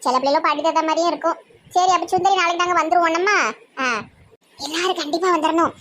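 High-voiced Tirunelveli woman, gossipy. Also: fairly even intonation, fast, a bit bright, slight background noise. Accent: Tirunelveli Tamil. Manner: scolding, gossipy village talk. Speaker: comedy sketch performer. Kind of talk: slang comedy skit, many roles.

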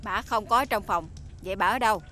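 An actress with a Southern Vietnamese accent playing the sharp-tongued young mistress of a rich household, scolding her servants. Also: mid-range voice, fast talker, slight background noise, close to an everyday voice. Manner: scolding, bossy. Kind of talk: TV drama acting.

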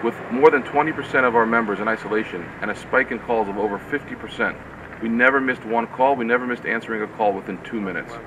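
Middle-aged man, lower voice, sincere appeal, slightly off-mic outdoors. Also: fast, recorded from a distance. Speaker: organization coordinator making an appeal. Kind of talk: sincere prepared appeal to camera. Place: outdoors on a street. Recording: off-mic outdoors, clear traffic noise.

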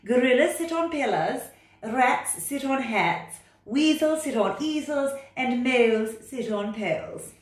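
A woman voices a bossy, impatient know-it-all cat from a storybook, making insistent, singsong rhyming pronouncements. She speaks slowly in a lively, high register pitched above her own natural voice, recorded on a distant mic in a roomy space.

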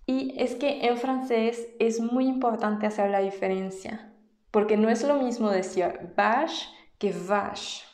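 A woman from Mexico with a Mexican Spanish accent, explaining in a casual vlog and demonstrating sounds slowly and patiently. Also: fairly high pitch, steady tone, warm tone. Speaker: language vlogger. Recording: roomy echo.

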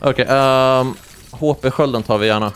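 Young male gaming streamer, excitable play-by-play, light background noise. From Sweden. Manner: excitable, swings into high-pitched yelps when surprised. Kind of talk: live gameplay commentary.

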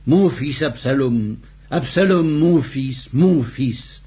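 A man's voice: mid-range voice, lively intonation, takes it slowly, slightly rough, muffled recording, heavily acted. A man reading as a grieving old king.

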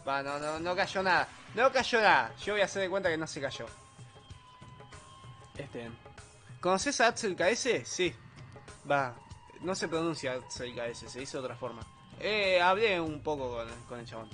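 A man's voice: fairly high pitch, animated, normal speed, long pauses, a bit bright, soft background music. Young Argentine man streaming games. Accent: Argentine Spanish. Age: young adult. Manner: slangy, joking, reads chat aloud. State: low-energy, subdued. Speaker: gaming streamer. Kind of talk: casual live stream commentary while gaming.

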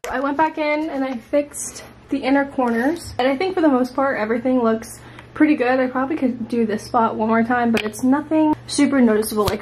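A woman's voice: fairly high pitch, a little mellow. A young woman talking informally and chattily to viewers in a casual home vlog, recorded on a camera in a bedroom. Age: young adult. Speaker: vlogger. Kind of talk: casual room-makeover vlog chat. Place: bedroom indoors. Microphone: handheld or propped camera.

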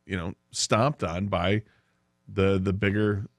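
This American co-host of a sports radio program speaks slowly in a low voice with fairly even intonation. The casual discussion is captured on a studio broadcast microphone with no echo.

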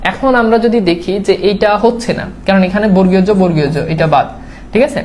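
A woman tutor at a middle pitch explains admission exam rules slide by slide, patiently and step by step. She drops English words into her talk and keeps asking her students whether they follow. A faint noise sits under the recording. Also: quick pace, a little mellow. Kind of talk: online lecture over slides.

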